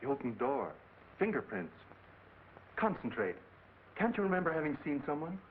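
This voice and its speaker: An actor playing an earnest, cautioning lawyer in 1940s film style. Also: male voice, a little high, very animated, normal speed. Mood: reasoning, firm. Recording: tinny, hissy old film soundtrack.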